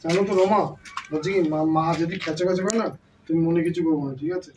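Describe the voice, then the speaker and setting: A man's voice: sits high, fairly even intonation, a little mellow, a little hiss or hum, lightly acted. Man playing a flustered young husband. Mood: coaxing. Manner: hurried, coaxing. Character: young husband, anxious and placating toward his mother. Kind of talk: comic family skit. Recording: echoey room, voice from a distance.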